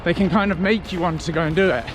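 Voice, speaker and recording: A man talking casually to camera as a running vlogger, in a reflective, conversational way with halting short phrases. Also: high voice, over music. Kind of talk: casual vlog talk to camera.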